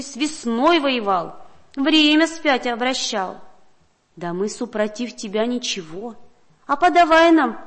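A woman's voice: fairly high pitch, long reverb tail. A woman reading aloud and voicing an angry, demanding crowd of townsfolk in a folk tale. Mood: rowdy. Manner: rowdy, demanding shouts.

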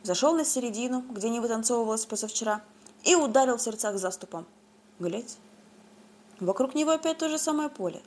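Husky woman reading a tale. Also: fairly high pitch, lively intonation, a little fast, a little mellow. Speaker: storyteller. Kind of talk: expressive literary reading.

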